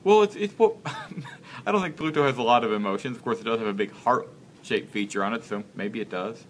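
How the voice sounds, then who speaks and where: Earnest, halting man in his thirties. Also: mid-range voice, slight background noise. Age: 30s. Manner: earnest, halting, searches for words. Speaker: interview guest. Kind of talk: casual live-stream interview.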